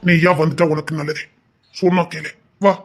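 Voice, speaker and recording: An actor with a Tirunelveli Tamil accent playing a desperate young man who pleads with his lover, swinging from hushed pleas to shouting. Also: on the high side, steady tone, moderate pace. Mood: pleading. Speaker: actor in a romance drama. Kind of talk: emotional drama acting.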